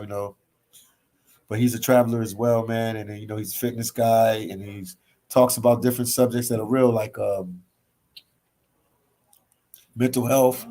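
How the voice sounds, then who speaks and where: A laid-back man with a Philadelphia accent hangs out in a hostel library, reading comments from his live chat and talking back to viewers. The travel vlogger has a medium-pitched voice, and he likes to repeat phrases and finish sentences with "man."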